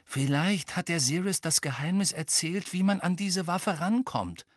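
A man's voice: sits high, lively intonation, moderate pace, dry recording, clean studio sound, pitched above the performer's own voice. A man voicing an uneasy teenage boy who speaks in a subdued, hesitant way.

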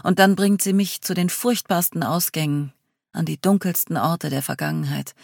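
A reader voicing a thoughtful, troubled young woman in a storybook reading. She speaks in a low, halting way, close and dry. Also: fairly even intonation, gravelly, no echo. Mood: brooding. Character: brooding young woman Sarah, hearing a harsh inner voice.

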